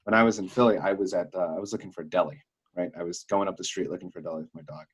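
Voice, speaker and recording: Young man, husky and low, chatty co-host voice full of fillers. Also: fairly even intonation, racing. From Wisconsin. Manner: chatty storyteller, many fillers. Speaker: podcast co-host. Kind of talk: casual chat.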